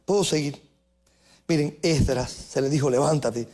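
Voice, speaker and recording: A male pastor preaching a sermon with passion, moving from loud calls to hushed, quiet passages and often addressing listeners as brother. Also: a little high, normal speed. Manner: impassioned preaching, swings from shouting to hushed.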